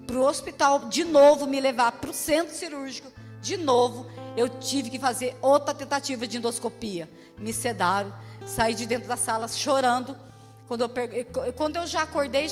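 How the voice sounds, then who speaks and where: A Brazilian woman missionary giving an emotional, emphatic church testimony, speaking straight to the congregation. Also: high voice. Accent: Brazilian Portuguese. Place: church hall. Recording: echoey church hall with soft music.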